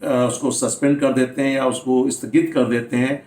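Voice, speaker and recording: Hindi-speaking teacher spelling words aloud. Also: male voice, medium pitch, little pitch movement, moderate pace, a little mellow, roomy sound. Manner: explanatory, spells words out letter by letter; mixes English words into Hindi speech. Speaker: English pronunciation teacher. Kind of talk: classroom-style video lesson.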